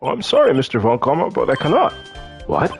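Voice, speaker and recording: A man's voice: mid-range voice, wildly swooping pitch, a little fast, gravelly, over music. A man voicing a meek, flustered elderly judge who speaks formally and apologetically.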